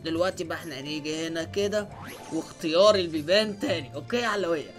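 A young man with an Egyptian Arabic accent hosting an excited let's-play commentary, dropping English exclamations as he plays. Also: fairly high pitch, fast. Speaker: gaming channel host. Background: faint background music.

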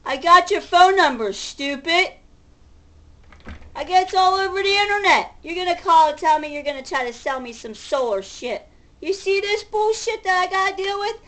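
A middle-aged woman vlogger rants to her webcam in a home kitchen, combative, sarcastic, agitated and profane yet casual. Her voice is extremely high, animated and a bit bright, at a moderate pace.

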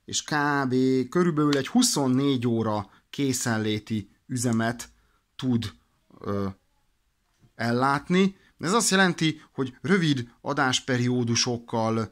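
Speaking at medium pitch with an expressive voice, this radio shop product demonstrator walks through items in a casual, instructional way. He comes across as practical, if slightly hesitant.

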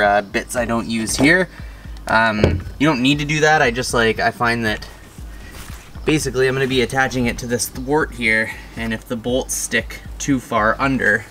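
A man's voice: medium pitch, fairly bright tone. A man in his thirties casually explaining a how-to job in a backyard, chatty and rambling, with lots of fillers. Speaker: outdoor channel host. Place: backyard lawn, outdoors.

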